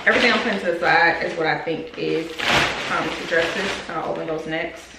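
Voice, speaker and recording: A woman's voice: deep voice, brisk. Chatty young woman in an echoey room. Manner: chatty, upbeat, addresses viewers as y'all. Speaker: vlogger. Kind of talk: casual haul vlog. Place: room in a house under renovation. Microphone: camera on a desk in front of her. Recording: roomy echo with clear background noise.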